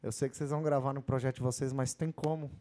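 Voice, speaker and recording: A man's voice: mid-range voice, fairly even intonation, fast, dark tone. A man, a singer, chatting casually as a guest and telling anecdotes. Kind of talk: casual chat.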